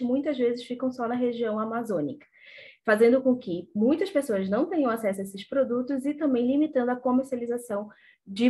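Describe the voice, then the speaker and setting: A young woman from northern Brazil pitching her small online shop on a video call, earnest, with many restarts and fillers. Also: a little mellow. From Pará, Brazil. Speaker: entrepreneur pitching her business. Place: home office room.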